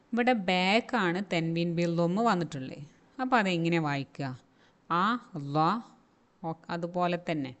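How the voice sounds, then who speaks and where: A woman teaching Arabic reading in Malayalam, explaining each rule and repeating every word two or three times. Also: fairly low pitch. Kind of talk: slow spelled-out reading lesson.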